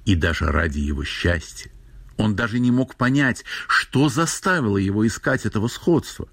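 A male narrator reading literary prose in a measured storytelling manner. His voice is low and husky. It is recorded dry and close, with no room sound. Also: expressive, a bit bright, no room sound.

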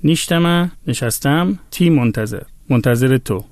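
A man patiently explaining words one by one in a relaxed educational chat. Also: medium pitch, dry recording. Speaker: language expert co-host.

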